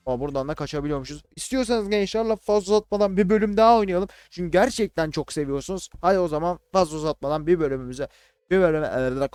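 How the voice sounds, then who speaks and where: A young man casually commentating a let's-play, chatty and slangy, shouting and yelping when fights get heated. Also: fairly high pitch. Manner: excitable, shouts and yelps during fights. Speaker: gaming YouTuber. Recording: game music and gunfire behind.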